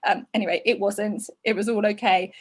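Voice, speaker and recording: A woman's voice: mid-range voice, steady tone, a little fast. A woman co-hosting a podcast, chatting and reading aloud a listener's letter, emotional and laughing through tears. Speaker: podcast co-host. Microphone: video call.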